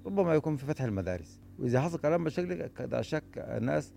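Very fast, gravelly Sudanese man. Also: fairly high pitch, very animated, warm tone, faint music behind. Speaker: government official. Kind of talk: informal address to staff. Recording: faint background noise and ambience.

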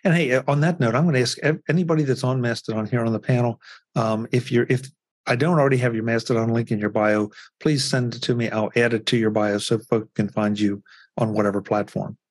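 A man's voice: mid-range voice, steady tone, a little fast, husky, no echo. A male host leading a casual panel talk, who breaks off his words mid-word and starts them again.

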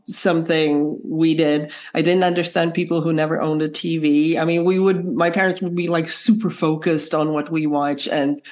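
Female podcast guest, lowish froggy croak, hoarse with a cold, chatting casually about herself. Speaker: podcast guest, filmmaker and choreographer. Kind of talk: interview, casual personal storytelling.

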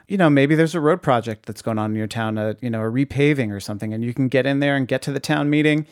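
A man's voice: mid-range voice, fast talker, clean tone, no echo, studio quality. A man co-hosting a talk podcast, chatting casually and giving informal, emphatic advice to listeners. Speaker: podcast co-host.

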